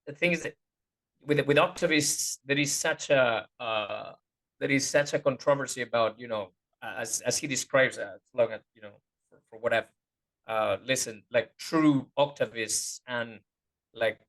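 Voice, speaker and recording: A man talks through vocal anatomy in a loose, unscripted interview, stopping often to find the right word. His voice sits in an ordinary middle pitch. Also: a little slow, fairly bright tone. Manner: hesitant, searching for words, many fillers. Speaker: guest voice teacher. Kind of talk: casual interview chat.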